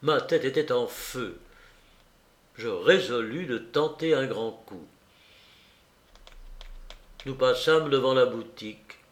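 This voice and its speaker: A man's voice: medium pitch, animated, takes it slowly, pauses often, reverberant. Man reading a literary story aloud. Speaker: audiobook narrator.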